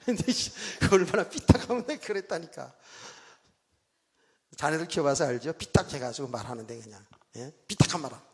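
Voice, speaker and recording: A middle-aged male pastor with a fairly high voice preaches a sermon at a fairly quick pace, in a church sanctuary with hall reverb. He tells a story with animation, swinging between loud exclamations and hushed asides, and keeps asking the congregation to agree with him.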